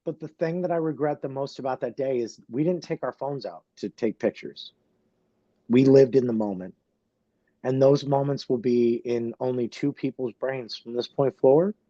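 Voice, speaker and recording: A man, a wrestler guest on a podcast, telling a story in halting speech full of fillers and restarts, close to tears. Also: mid-range voice, mellow, no echo, highs cut off. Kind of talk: emotional podcast interview.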